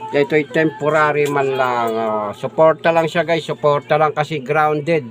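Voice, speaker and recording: A middle-aged man, chatting casually in a vlog as he shows off and sound-checks his new microphone, repeating his filler phrases often. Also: medium pitch. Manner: chatty and repetitive, says "guys" and "oh, di ba" often; does mic sound checks, sometimes stepping away from the mic. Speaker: vlogger showing off a new microphone.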